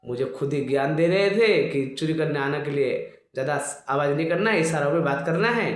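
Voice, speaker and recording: A man's voice: fairly high pitch, a little fast, natural voice. A man voicing a humble, fretful elderly male devotee who protests and pleads, recorded in an echoey room.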